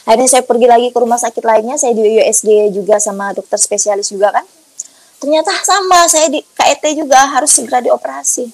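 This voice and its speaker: A woman recounts her personal faith testimony with a fairly high, breathy-husky voice. She tells the story emphatically and colloquially, repeating herself for effect. She often acts out the lines of the people in her story. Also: fairly quick, no room sound, poor audio. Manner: animated, emphatic storytelling with acted-out quotes; colloquial and repetitive. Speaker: guest giving a testimony.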